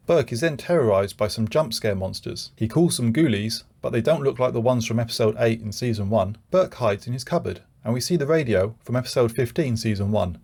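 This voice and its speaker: Gravelly 40-something guy doing a scripted retro review, dry wry jokes. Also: mid-range voice, a little mellow. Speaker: YouTube reviewer.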